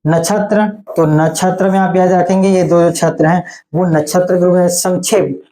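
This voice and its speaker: A male teacher giving an online Hindi spelling class. He explains slowly and patiently, often stopping to ask whether it is clear. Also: sits high, darkish tone. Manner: explains patiently, often says "theek hai" to check in.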